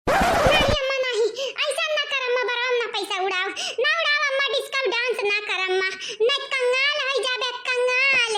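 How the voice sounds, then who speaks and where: Squeaky Awadhi old man. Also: moderate pace. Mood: wailing. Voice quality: high, squeaky cartoon voice. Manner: sing-song, loud boasting and wailing. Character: boastful old village man, money-proud and then panicking. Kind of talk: cartoon voice acting. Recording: heavy background noise.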